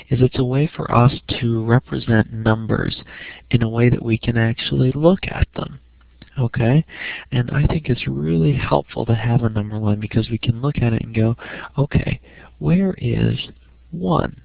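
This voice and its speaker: A man's voice: medium pitch, gravelly, dry recording. A middle-aged man giving an informal, step-by-step lesson as a teacher, often checking in with "okay". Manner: checks understanding with frequent "okay". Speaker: math teacher. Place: small room at home. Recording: dry, dull lo-fi home recording.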